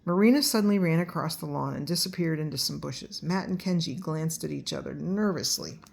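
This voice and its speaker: A woman's voice: deep voice, a little fast, vocal fry, breathy edge. An older woman, a grandmother, reading a children's story aloud as narrator.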